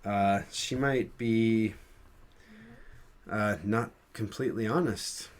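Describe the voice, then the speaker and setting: A man's voice: on the low side, fairly even intonation, slow. A man co-hosting a podcast, chatting casually and restarting his sentences with frequent fillers. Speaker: podcast co-host. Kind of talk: casual chat.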